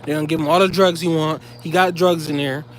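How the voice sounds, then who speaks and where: A man's voice: on the high side, fairly even intonation, quick pace, soft background music. A man delivering heated, profane commentary straight to his viewers, blunt and scolding.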